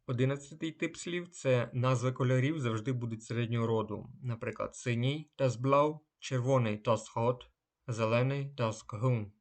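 A man teaching a language lesson, drawing out each German example word before giving its meaning. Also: mid-range voice. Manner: slow, drawn-out German example words. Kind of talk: unhurried lesson.

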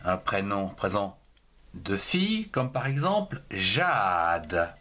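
A man giving a slow handwriting lesson for young children, spelling words letter by letter and syllable by syllable. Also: on the low side, sing-song, sharp tone. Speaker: teacher.

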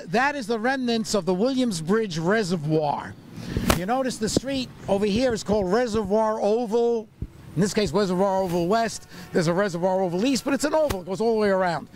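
A man's voice: high voice, moderate pace. An older man leading an outdoor walking tour, rambling with many fillers and wry puns. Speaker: tour guide and borough historian. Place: city sidewalk outdoors in winter. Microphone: handheld microphone. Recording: street noise, far camera mic.

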